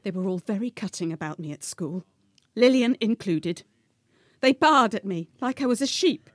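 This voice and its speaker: A woman's voice: medium pitch, animated, moderate pace, no room sound, studio quality, lightly acted. An actress playing a fragile, confused woman in her fifties in a period radio drama, plaintive and easily wounded. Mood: aggrieved. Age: 50s. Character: fragile, confused older spinster, touchy and withdrawn. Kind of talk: 1940s-set radio drama acting.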